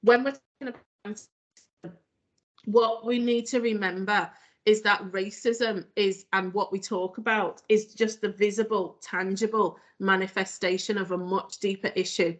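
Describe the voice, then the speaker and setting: A woman's voice: medium pitch, fairly even intonation, unhurried. Earnest woman with a Liverpool accent. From Northwest England. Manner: earnest, conversational with frequent ums. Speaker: anti-racism trainer. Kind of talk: online training talk.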